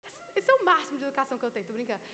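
A woman preacher giving a sermon in a relaxed, joking, conversational way at a church service. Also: high-pitched, racing. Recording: long reverb in a large hall.

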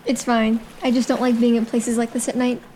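A woman's voice: on the high side, flat delivery, a little fast, mellow, slight background noise, close to an everyday voice. A young woman playing a guarded, cautious teenage girl in a naturalistic drama. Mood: reluctant.

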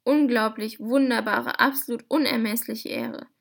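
A woman's voice: on the high side, steady tone, moderate pace, gravelly. A woman voicing a gushing little inventor man. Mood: overjoyed. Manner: gushing, effusive and polite. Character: small excitable bald male inventor, overjoyed.

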